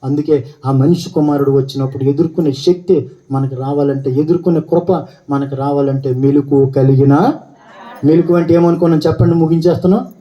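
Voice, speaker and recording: A male pastor giving a sermon, asking rhetorical questions, calling for amens and repeating phrases, rising into shouted blessings. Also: a little high, steady tone, fairly quick, rough recording. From India.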